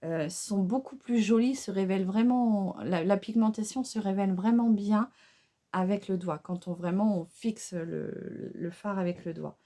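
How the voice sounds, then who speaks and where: A woman talks her viewers through an improvised makeup look in a relaxed, mellow voice. She chats along with many fillers and little asides, hesitating over choices and asking the audience what they think. Her pitch sits in a middle range. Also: measured pace. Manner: excited exclamations over the colors. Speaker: beauty vlogger. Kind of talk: casual makeup tutorial chat.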